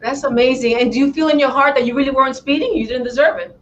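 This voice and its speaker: A woman's voice: high voice, fast, a bit bright, lo-fi sound, slight background noise. A woman hosting a talk show interview, effusive and full of praise, often addressing her audience as friends. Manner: effusive, repeats "my friends" and "wow".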